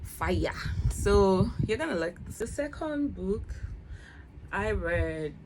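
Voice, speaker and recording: Slow-talking young woman reviewing books. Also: deep voice, background noise. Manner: chatty, laughs often, trails off and restarts. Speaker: book vlogger. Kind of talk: casual book review chat.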